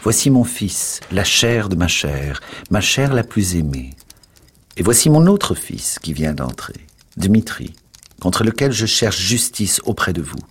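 A man reading aloud and voicing a blustering old father who whines and wheedles in shrill protests. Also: big pitch swings, measured pace, breathy edge, heavily acted. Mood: pleading. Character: blustering old father, self-pitying and sly. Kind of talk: dramatic book reading.

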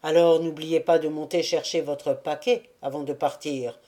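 A woman reading the part of a surly, brooding old male buccaneer gunner, voiced lower and grumbling. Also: fairly even intonation, moderate pace, dark tone, natural voice. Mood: gruff.

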